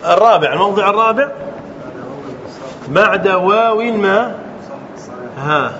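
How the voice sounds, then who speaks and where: A man with a high, lively voice teaching a grammar lesson, often pausing to ask his students whether it is clear. The recording sounds dull and lo-fi, with a faint hiss behind him. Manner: checks understanding often with repeated questions. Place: classroom.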